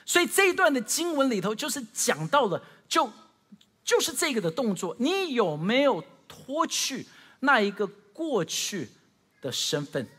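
Animated pastor preaching in an echoey hall. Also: male voice, very high-pitched, measured pace, breathy edge. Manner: animated, asks the congregation questions. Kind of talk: sermon. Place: church hall. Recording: echoey hall with long reverb.

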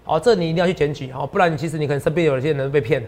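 A man's voice: on the high side, rapid-fire, a little mellow. A man with a Taiwanese Mandarin accent hosting stock market commentary. He is emphatic and repetitive and keeps checking in with his listeners. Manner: emphatic and repetitive, often ends lines with a tag question. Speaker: stock market analyst host.

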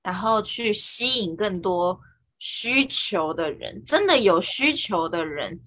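A woman guest in a casual chat, speaking in a calm, reflective way. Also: mid-range voice, slow.

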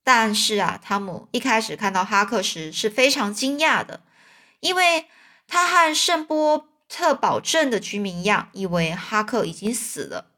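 A woman's voice: mid-range voice, lively intonation, normal speed, pushed and bright. A woman, reading a children's story aloud in a chatty way and explaining words as she goes.

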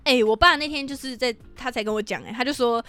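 A young woman, co-hosting a casual podcast and telling stories in an animated way, with casual swearing. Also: on the high side, fast, smooth, faint music behind. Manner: animated, profane storyteller. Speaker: podcast co-host.

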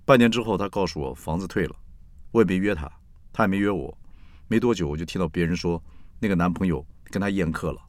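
A man's voice: sits low, quick pace, no room sound. A man hosting a show and telling a first-person anecdote, acting out the dialogue with friendly teasing. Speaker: host and storyteller.

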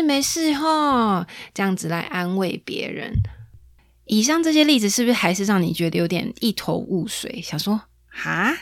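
A woman's voice: dry recording, clean studio sound. Chatty woman podcaster. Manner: chatty, playful, acts out quoted lines in a higher voice. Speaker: podcast host. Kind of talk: casual parenting podcast talk.

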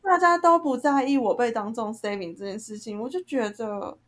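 Brief: young woman, podcast co-host, fired-up venting, voice sits a bit high. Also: moderate pace, noisy background. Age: young adult. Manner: heated, ranting, animated storytelling. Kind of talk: casual venting chat.

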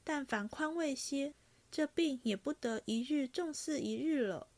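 A woman's voice: on the high side, lively intonation, moderate pace. A woman doing an eager, doting young nobleman. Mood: pleading.

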